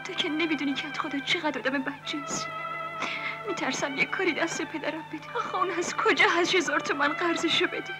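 A woman playing a poor young village woman in a dubbed 1970s film, pleading and emotional, with film music behind. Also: very high voice. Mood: distressed.

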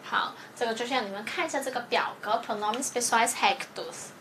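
High-pitched lady teacher going over a lesson, keeps checking students follow, bit of faint noise. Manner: explains slowly, checks with "对不对". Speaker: Portuguese teacher. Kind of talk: recorded language lesson review.

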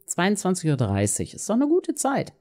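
A woman hosting a casual gaming session with friends, playful and quick to swear. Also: fairly low pitch, wildly swooping pitch, mellow. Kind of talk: casual let's-play chat.

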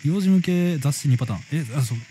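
A man's voice: a little high, animated, fast talker, dark tone, a little hiss or hum, poor audio. A man streaming a game from a room at home, chatting casually and reacting to viewer comments as he reads them aloud. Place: room at home near neighbors.

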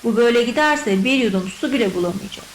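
A woman's voice: fairly high pitch, lively intonation, fast, echoey room, slight background noise, close to an everyday voice, low-quality recording. A woman voicing worried village neighbors who speak indignantly.

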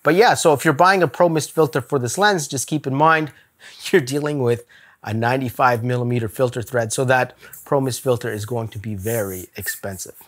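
A man reviewing camera gear straight to camera in a relaxed, talkative way. He gives blunt opinions and breaks into little laughs as he goes, with an ordinary, mid-range voice. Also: medium pitch, fairly quick. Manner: chatty, laughs often, candid opinions. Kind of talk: casual gear review vlog. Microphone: camera-mounted shot on a zoom lens.

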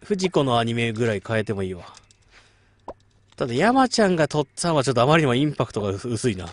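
A man's voice: medium pitch, big pitch swings, fast, a little hiss or hum. A man streaming a game late at night, chatting casually and muttering reactions to the gameplay. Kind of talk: late-night casual chat while gaming.

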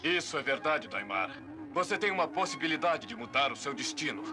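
A man's voice: a little high, very animated, fairly quick. A man playing a muscular, kind cartoon champion in a dub, earnest and declamatory. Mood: pleading. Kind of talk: dubbed cartoon acting. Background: dramatic cartoon score.

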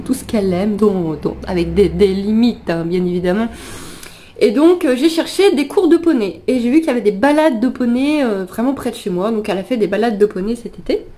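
Slightly sick and sniffling, a woman in her thirties who vlogs about animals sits in her living room recounting personal stories to camera, chatty and prone to interrupting herself. Her tone is mellow, pitched on the high side.

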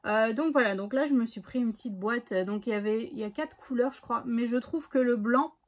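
A woman's voice: a little high, fairly quick. Chatty woman, lots of fillers. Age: adult, has a son. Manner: chatty, hesitant, many fillers. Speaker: scrapbooking vlogger. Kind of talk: casual haul chat.

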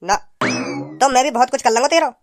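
A brash man jokes his way through a rustic comedy sketch. He talks fast and keeps teasing the other people in the scene. Loud music plays behind him. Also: extremely high pitch. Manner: brash, teasing, repetitive banter. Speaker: comedian doing sketch characters. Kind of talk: comic sketch in rustic dialect.

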